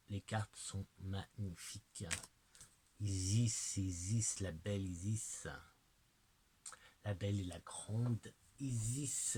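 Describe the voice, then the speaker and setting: Slow, hesitant low-voiced man. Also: a little mellow, a little hiss or hum, low-quality recording. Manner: hesitant, halting, addresses the viewer directly. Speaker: oracle card presenter. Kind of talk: casual oracle card unboxing chat.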